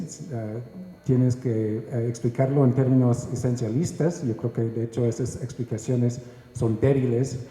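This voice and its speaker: A man from Canada speaking at a book presentation on a panel, measured and hesitant, with frequent "ah" pauses. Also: medium pitch, warm tone. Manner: measured, many hesitant 'ah' fillers. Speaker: book author and researcher. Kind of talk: panel talk answering questions. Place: large hall at a book presentation. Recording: echoey hall.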